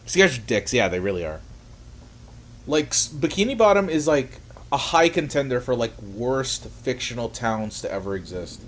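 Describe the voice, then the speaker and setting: A man's voice: mid-range voice, sing-song, normal speed, slight background noise. A man streaming casually, reacting to videos with crude, jokey chat and frequent laughter. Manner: laid-back, crude, jokey, laughs often.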